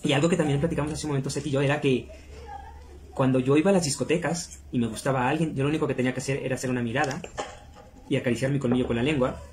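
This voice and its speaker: A man's voice: medium pitch, steady tone, very fast, a little mellow. A middle-aged man, hosting a video and explaining things casually to viewers. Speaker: video host. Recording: clear background noise.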